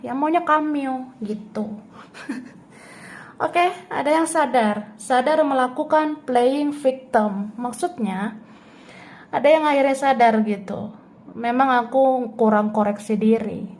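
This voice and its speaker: A tarot reader gives a casual reading in a fairly high, darkish female voice, taking her time. She chats freely, laughs a lot, and voices the other person's thoughts in the first person.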